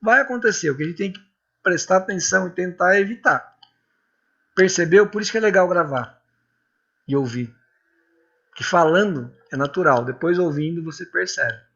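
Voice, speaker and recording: Chatty Brazilian man teaching, gravelly and bright. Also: high voice, animated, normal speed, long pauses. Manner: chatty, full of tag questions and anecdotes. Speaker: public speaking teacher. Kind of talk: informal classroom lecture. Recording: dull lo-fi recording.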